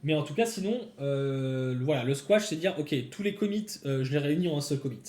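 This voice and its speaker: A man with a fairly high, mellow voice talks his viewers through a live-coding session, thinking aloud and chatting as he goes. The sound is roomy, with a noticeable echo around him. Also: expressive, a little fast. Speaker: developer streaming a coding session. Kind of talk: casual live-coding commentary.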